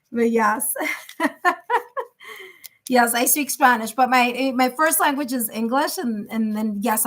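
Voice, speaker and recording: A tarot reader with a New York accent gives live readings in a chatty, reassuring manner, thinking aloud and using fillers. Her voice is a little high and a bit bright.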